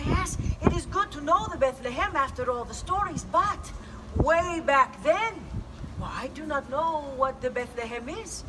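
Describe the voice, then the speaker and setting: A woman's voice: high voice, far from the mic, noisy background. A woman playing a kindly old Italian witch who brings gifts, with an Italian accent, telling a story to children and coaxing answers from them. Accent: Italian (put on). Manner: theatrical, coaxing, asks the audience questions. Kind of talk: live in-character storytelling.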